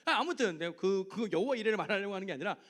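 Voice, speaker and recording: A man's voice: sits high, rapid-fire. A man, a youth pastor, preaching to teenagers in a church service, telling personal stories and putting questions to them. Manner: animated, asks the teens direct questions. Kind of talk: youth sermon with personal storytelling.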